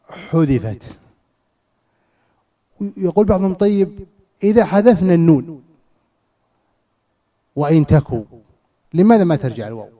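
A man's voice: a little high, warm tone. Man teaching a lesson. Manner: questions the class, repeats phrases, stammers restarts. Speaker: teacher of Quranic exegesis and grammar. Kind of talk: classroom lesson.

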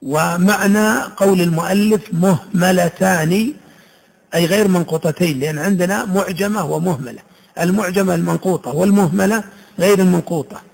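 High, gravelly-voiced man teaching recitation. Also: low-quality recording. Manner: deliberate, drawn-out reciting of example words. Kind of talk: slow explanatory lesson, reciting examples.

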